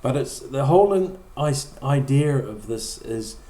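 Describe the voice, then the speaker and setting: A man's voice: medium pitch, lively intonation, unhurried, warm tone. Man preaching in an echoey room. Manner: conversational, repeats and restarts words, acts out short quoted lines. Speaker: pastor. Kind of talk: sermon.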